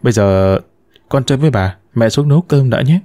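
A man's voice: medium pitch, animated, brisk, dark tone, dry recording, lightly acted. A man voicing a young anguished mother. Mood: tender. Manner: emotional, pleading. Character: young woman, anguished mother who abandoned her son.

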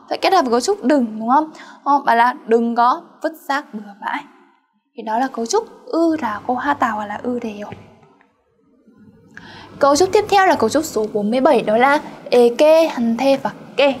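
A woman teaching a grammar lesson, explaining step by step and checking in with her students through frequent questions. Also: sits high. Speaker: Korean language teacher.

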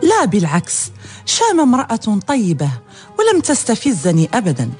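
A woman's voice: a little high, huge pitch swings, brisk, a little mellow, soft background music. A woman playing a devoted, grudge-bearing overseer of an inn in a formal, emphatic historical radio drama style. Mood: deferential, eager. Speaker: actor in a historical radio serial.

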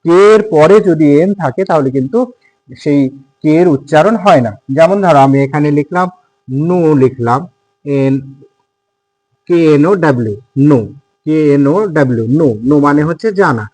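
Teacher, male, fairly high voice, patient repetitive lesson delivery with many "uh" pauses. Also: darkish tone, rough recording. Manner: repeats words slowly and spells them out letter by letter; frequent hesitation fillers. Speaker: English teacher. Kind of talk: spelling and pronunciation lesson.

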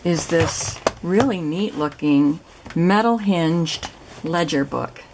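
Low-voiced older woman, chatty and rambling. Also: takes it slowly, background noise. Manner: chatty, meandering, yawning. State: tired from little sleep. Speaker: vlogger showing a flea market haul. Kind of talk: casual rambling haul video.

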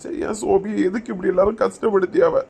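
Woman voicing timid soft-hearted Bheema. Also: mid-range voice, steady tone, brisk, creaky, a little hiss or hum, voice pushed down, natural voice. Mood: coaxing. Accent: Kanyakumari Tamil. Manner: gentle, coaxing.

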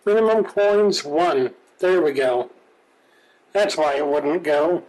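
A man's voice: on the high side, slow, a little mellow, rough recording. A man playing a video game on stream, chatting casually, reading in-game text aloud and chuckling often. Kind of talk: casual gameplay commentary.

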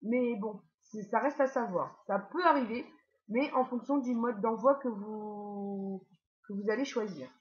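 A woman's voice: mid-range voice, measured pace. Chatty woman, dull lo-fi audio. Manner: chatty, many fillers and asides. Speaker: YouTube tutorial host. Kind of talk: casual screen-walkthrough tutorial.

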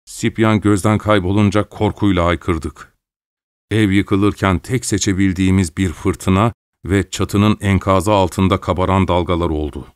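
A man reading an audiobook in a measured, dramatic storytelling manner. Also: low voice, darkish tone, smooth, no room sound, studio quality. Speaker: audiobook narrator. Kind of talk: scripted audiobook narration.

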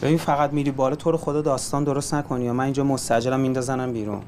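An actor playing a nervous young tenant in a film drama, flustered and pleading. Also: male voice, mid-range voice, level tone, a little mellow, slight background noise, close to an everyday voice. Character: nervous young male tenant hiding a friend.

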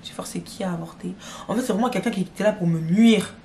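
A young woman speaks fast in a mid-range voice, animatedly retelling drama to her viewers in a slangy, casual storytime. The recording carries a roomy echo and a little hiss or hum.

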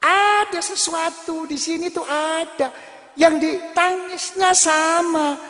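Javanese-accented man preaching, really high voice, super slow and drawn out, lots of hall echo. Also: fairly even intonation, sharp tone. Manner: drawn-out, emphatic, repeats words, asks the audience questions. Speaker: Islamic preacher. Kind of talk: sermon to a congregation. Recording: long reverb of a large hall.

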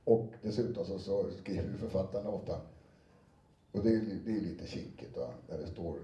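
A man with a very dark, mellow, fairly low voice talks to a live audience about reading books aloud. He is chatty, with many fillers and restarts. He sounds distant from the mic, in a roomy, echoing hall. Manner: conversational, many fillers and restarts, briefly acts out quotes. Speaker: audiobook narrator giving a talk. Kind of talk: anecdotal talk to an audience. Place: lecture room with an audience.

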